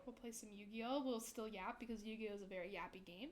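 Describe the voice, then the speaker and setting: A woman's voice: medium pitch, fast, slight background noise. A young woman VTuber chatting casually with her stream viewers, rambling and giggling often.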